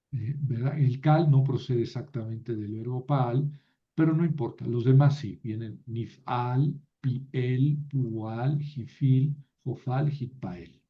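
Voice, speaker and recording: Slow, patient man teaching a grammar lesson. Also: medium pitch, dull audio. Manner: slow, patient, with frequent "¿verdad?" checks. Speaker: Biblical Hebrew teacher. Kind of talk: recorded lecture.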